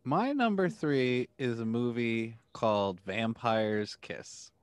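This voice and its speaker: Guy cohosting a podcast, mid pitch, super dry close sound, tells movie plots with lots of uhs. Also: slow, smooth, no room sound. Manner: storytelling, animated retelling. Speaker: podcast co-host. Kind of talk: casual chat.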